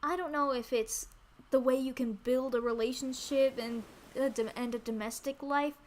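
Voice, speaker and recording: Female VTuber streamer, higher-pitched, cute anime manner, excitable and emphatic casual chat. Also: moderate pace, slight background noise. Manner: excitable, gushing, emphatic with repeated phrases. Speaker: VTuber streamer introducing themself. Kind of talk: casual livestream chat about games.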